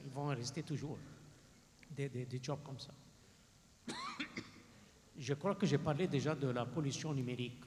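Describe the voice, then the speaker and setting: A man moderating a panel and explaining informally to an audience, repeating words as he goes. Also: medium pitch. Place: large conference hall. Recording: reverberant hall with faint background noise.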